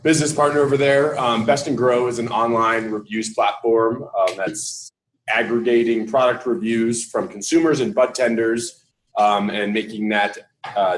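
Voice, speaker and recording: A man introducing his startup company to a group, in a steady delivery with ums. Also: mid-range voice, moderate pace, low-quality recording.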